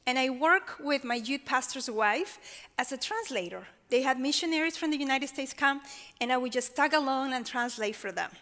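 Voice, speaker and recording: A woman in her forties from Peru, speaking English with a Peruvian Spanish accent, giving an expressive personal testimony on an auditorium stage. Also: high-pitched, normal speed. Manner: expressive, gestures while speaking. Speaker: chapel speaker. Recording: long reverb of a large hall.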